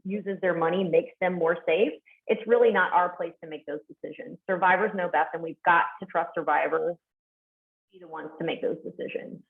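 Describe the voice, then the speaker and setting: A woman's voice: lowish voice, steady tone, normal speed, gravelly. A woman presenting steps in a webinar, earnest, with frequent fillers and restarts. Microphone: video call. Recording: tinny phone-like call audio.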